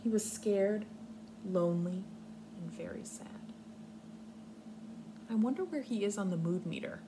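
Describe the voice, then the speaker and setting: A young adult American woman gives a read-aloud lesson for young children from her living-room couch, teaching like a kindergarten teacher with simple words and clear explanations. Her medium-pitched voice keeps a measured pace, and the home recording is clearly noisy.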